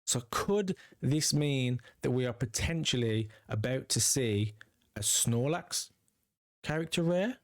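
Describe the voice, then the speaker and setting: Casual and upbeat, a card-collecting channel host chats directly with his viewers in video commentary. His voice is mid-range, and the recording is dry with clean studio sound.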